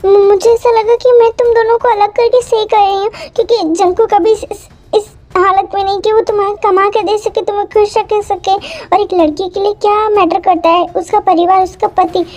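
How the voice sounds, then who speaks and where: A woman voicing a remorseful mother who apologizes slowly and soothes gently in a fan storybook reading. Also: very high voice, flat delivery. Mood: apologetic.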